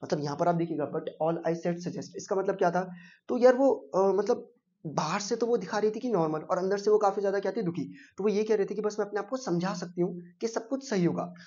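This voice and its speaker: A man's voice: sits high, fast talker, dark tone, muffled recording. A man teaching an exam-prep English lesson, mixing in English terms and quizzing students with rhetorical questions.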